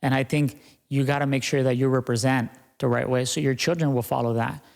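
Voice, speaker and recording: A man's voice: medium pitch, steady tone, a little fast, creaky, big-room sound. A young man talking earnestly as a podcast guest, often tagging his points with "right?". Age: young adult. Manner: earnest, repeats "right?" and "you know". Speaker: guest, business owner. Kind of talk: podcast interview.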